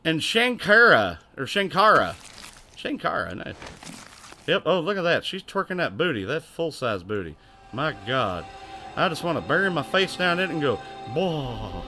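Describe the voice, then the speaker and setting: A man's voice: on the high side, big pitch swings, brisk, sharp tone, soft background music. A man hosting a casual gaming livestream, talking in a rowdy, crude way and thanking viewers by name. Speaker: livestream host.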